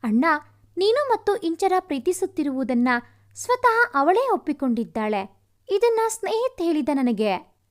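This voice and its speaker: A woman's voice: extremely high pitch, very animated, normal speed. Woman doing a plaintive younger sister. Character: tearful younger sister, young girl, loyal to her brother.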